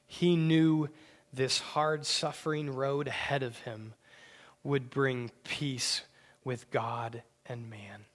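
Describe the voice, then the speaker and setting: A male pastor delivers a sermon at an unhurried, drawn-out pace. His voice sits at an ordinary middle pitch, swelling with emphasis and then falling to hushed, breathy asides. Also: fairly even intonation. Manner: slow, emphatic preaching with hushed whispered asides.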